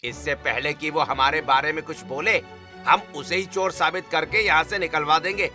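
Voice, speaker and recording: A man plays a scheming store worker in an animated story. His delivery is sneering and bright, and it sits a touch high. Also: moderate pace, faint music behind. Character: scheming male store staffer.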